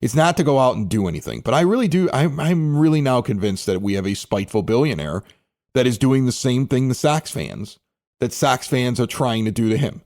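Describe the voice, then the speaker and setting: A man's voice: mid-range voice, animated, a little fast, darkish tone. A man hosting a sports podcast, ranting in a heated, exasperated way. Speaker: podcast host. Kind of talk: casual sports podcast rant.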